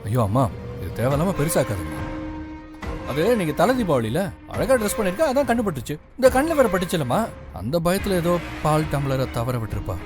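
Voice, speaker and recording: Young husband, fast lively delivery, dismissive of fears, serial music behind. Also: male voice, on the high side. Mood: reassuring, dismissive. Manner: dismissive, reassuring. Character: calm young husband brushing off his mother's fears. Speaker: son and new husband in a TV serial. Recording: dramatic background music.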